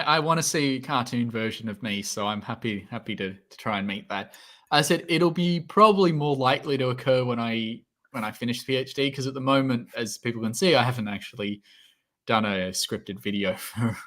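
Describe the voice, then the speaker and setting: A man's voice: medium pitch, fairly quick, fairly bright tone. A young Australian man in casual livestream chat as a guest physicist, talking in a rambling, hesitant way over a video call. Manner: rambling, hesitant, restarts often.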